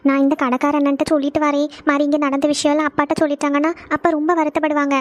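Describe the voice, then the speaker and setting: A woman voices a gentle young bride-to-be in a cartoon who speaks softly and pleads. The voice is very high and quick, and close and dry on the mic. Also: monotone, no echo, natural voice. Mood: pleading. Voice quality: soft and pleading. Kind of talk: cartoon voice acting.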